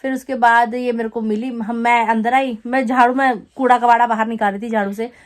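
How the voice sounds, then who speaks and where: A young woman vlogger casually telling a story to the camera, chatty and animated, acting out the quotes as she goes. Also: fairly high pitch, a little fast. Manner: chatty, animated retelling with acted-out quotes and laughter. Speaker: family vlogger.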